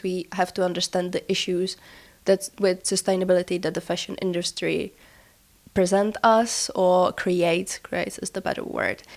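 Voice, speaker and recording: A woman hosts a podcast while she has a cold, explaining things in a casual, informal way and often rewording herself as she goes. Her medium-pitched voice carries vocal fry and a darkish tone.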